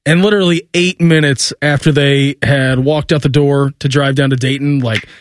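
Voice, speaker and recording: A man's voice: mid-range voice, steady tone, moderate pace, a little hiss or hum. A man hosting a sports radio show in a casual, chatty style. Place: dry radio studio.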